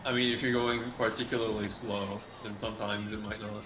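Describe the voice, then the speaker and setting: A man's voice: fairly low pitch, little pitch movement, fairly quick, reverberant, noisy background. A man offering offhand advice as a co-commentator at a speedrun stream. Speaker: marathon co-commentator. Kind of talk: casual commentary.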